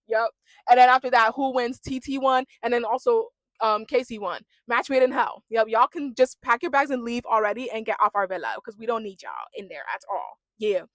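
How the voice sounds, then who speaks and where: A young woman giving a casual, animated rant as she recaps a reality show, talking in chatty slang. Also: on the high side, no echo.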